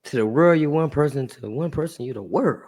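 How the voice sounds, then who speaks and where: A woman hosting a podcast, chatting warmly and casually with a guest and her listeners, laughing often. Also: low voice, fast. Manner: animated, laughs often, talks to listeners as y'all. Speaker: podcast host. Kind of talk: casual heartfelt chat.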